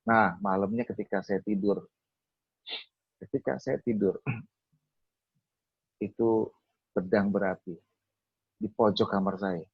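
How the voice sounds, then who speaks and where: A man's voice: lowish voice, slow, pauses often, breathy edge, dry recording, dull audio. Man telling a vivid testimony. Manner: lively storyteller, acts out his own past words. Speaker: speaker at a theology school webinar. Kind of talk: personal testimony storytelling.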